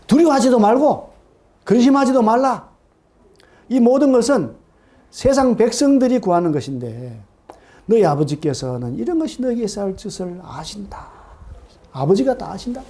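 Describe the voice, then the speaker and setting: A middle-aged man preaching a sermon in a church, animated, asking his congregation questions and acting out quoted voices. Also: high-pitched, normal speed, long pauses. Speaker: pastor. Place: church sanctuary.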